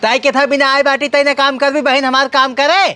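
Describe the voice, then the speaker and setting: A high-pitched, belligerent village drunk husband, played by a woman, blusters in an Awadhi accent. The boastful town drunk of a homemade comedy sketch, he drawls threats and brags about his strength. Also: level tone, a little fast, pushed and bright.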